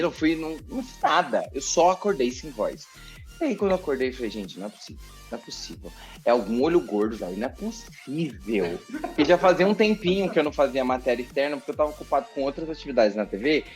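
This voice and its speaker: A Brazilian-accented man, a TV journalist and presenter, tells a story as a guest on a casual podcast interview, animated and expressive, repeating words for emphasis. His voice is on the high side and quick, with faint music in the background.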